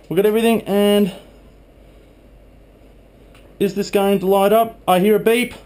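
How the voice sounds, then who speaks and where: The speaker is a man in his twenties with a high-pitched, slightly mellow voice. As a video blogger, he talks casually and chattily through a hands-on demo, shot on a handheld camera in a small room at his home. His tone is informal, and faint background noise is present.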